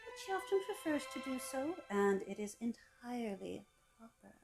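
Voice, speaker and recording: Female narrator, sultry and mellow, scripted book reading, soft phrase endings. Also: a little high, very animated, creaky, faint music behind. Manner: sultry, slow-savoring delivery with soft trailing phrase ends. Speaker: reader of a public-domain etiquette book.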